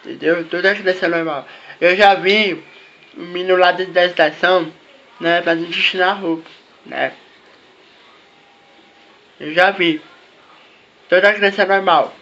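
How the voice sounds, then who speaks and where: A man's voice: sits high, steady tone, unhurried, long pauses, bright, forceful tone, lo-fi sound. A man giving parents advice in a casual vlog, repeating himself and tagging his phrases with little questions. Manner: repetitive, ends phrases with "né?" and "tá?". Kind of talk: casual talk to camera.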